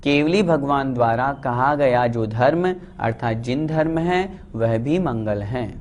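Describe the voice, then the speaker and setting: A man teaching a religious text, reciting verses and explaining them word by word in a slow, deliberate way. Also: medium pitch, darkish tone, slight background noise. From India. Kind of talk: scripture lesson with recitation.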